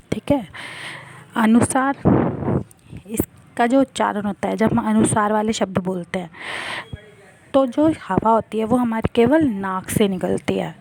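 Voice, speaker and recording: A woman teacher giving a grammar lesson to schoolchildren, explaining slowly and answering her own questions. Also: fairly high pitch, darkish tone, slight background noise.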